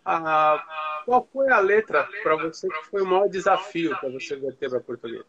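A man interviewing a guest in a casual conversation, asking lively questions. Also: fairly high pitch, normal speed. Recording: dull audio with crowd noise.

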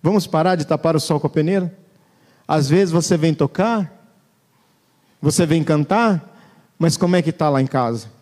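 A man preaching a sermon in a church, turning from loud emphasis to hushed, low words as he reads scripture. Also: normal speed, pauses often. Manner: dramatic, swings between loud and hushed low voice. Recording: long church reverb.

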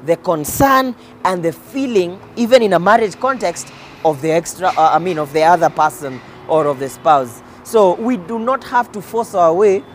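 A man's voice: sits high, normal speed. Kenyan man, emphatic motivational talk, street noise behind. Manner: code-switches between English and Swahili slang. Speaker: host addressing men on faith and life. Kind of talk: motivational talk to camera, informal preaching.

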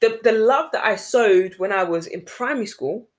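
A woman's voice: medium pitch, expressive, moderate pace. Earnest woman talking. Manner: earnest, preachy, repeats phrases for emphasis. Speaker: podcast host. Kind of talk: casual chat with her sister.

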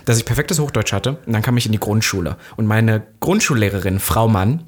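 A man's voice: lowish voice, animated, a little fast. A young man from eastern Germany co-hosting a podcast in a playful, self-mocking storytelling manner. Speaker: podcast co-host. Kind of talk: casual podcast chat.

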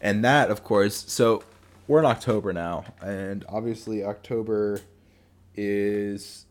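Young male co-host, lowish voice, rambling casual delivery, remote mic. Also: takes it slowly. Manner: rambling, restarts, bursts into silly voices. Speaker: podcast co-host. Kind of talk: casual chat. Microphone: remote call mic.

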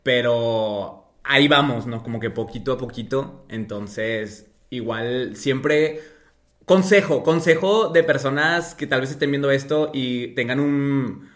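A young man with a Mexican accent and a very bright, forward voice. He talks casually and expressively, dropping slang and acting out bits of dialogue as he tells his stories. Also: mid-range voice, slow pace. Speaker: podcast guest. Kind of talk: casual chat, animated storytelling.

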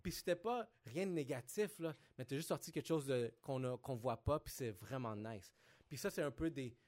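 A man hosting a podcast, telling stories in a relaxed way with English slang mixed in. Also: medium pitch, normal speed. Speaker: podcast host. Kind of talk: casual podcast chat.

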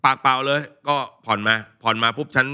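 A man's voice: medium pitch, steady tone, fairly quick, pushed and bright, smooth. A man co-hosting a podcast as a money coach, chatting casually and joking, sometimes acting out quoted lines.

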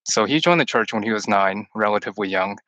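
On the low side and sharp-toned, the returned missionary from Texas talks fast with no echo. He's a podcast guest whose first language is Chinese, chatting casually over a call-in line in a long-winded, rambling way.

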